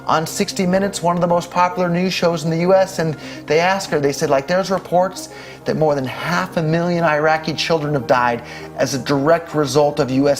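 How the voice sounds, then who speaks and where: A man speaking earnestly and emotionally as a Bitcoin advocate addressing a crowd. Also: on the high side. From United States. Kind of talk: impassioned public talk.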